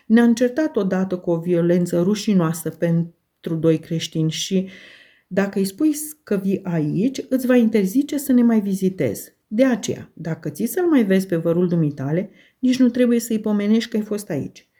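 A woman's voice: medium pitch, lively intonation, mellow, close to an everyday voice. A woman reading aloud voices Heathcliff, a cold, sardonic middle-aged man who speaks with contempt. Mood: calculating.

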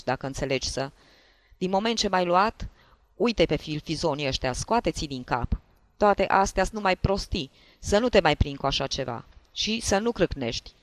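Man voicing a shouting jealous husband. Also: a little high, dry recording. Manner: shouting, scolding. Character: tipsy jealous husband, blustering, bullying. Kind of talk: audiobook character voice.

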